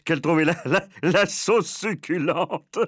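A man's voice: fairly high pitch, a little slow, a bit bright, dry recording, clean studio sound, voice pushed up. A man voicing a cheeky male waiter who gossips mockingly in an audiobook.

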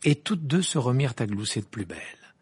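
Raspy, animated audiobook reader. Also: medium pitch, brisk. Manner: lively reading that slips into laughter. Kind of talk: amateur audiobook narration.

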